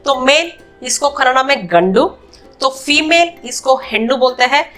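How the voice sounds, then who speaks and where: High-voiced woman teaching vocabulary. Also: expressive, a bit bright, faint music behind. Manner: repeats each word pair patiently, slows on key words. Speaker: language teacher. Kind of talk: spoken language lesson.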